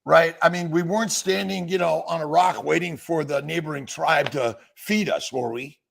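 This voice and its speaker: A man's voice: on the high side, normal speed, gravelly. A man hosting a live health talk show, rambling and repeating words as he quizzes his guest. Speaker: doctor and show host. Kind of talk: casual livestream talk.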